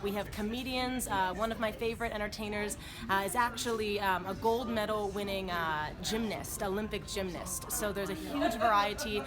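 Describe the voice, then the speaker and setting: An upbeat, chatty woman answering informal interview questions as a cruise director, with loud music behind her. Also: mid-range voice, moderate pace.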